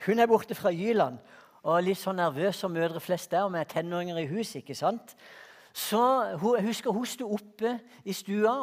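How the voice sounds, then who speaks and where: A man from Norway, preaching a sermon in a church hall, moving between slow emphatic lines and quicker asides as he tells stories. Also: high-pitched. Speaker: pastor.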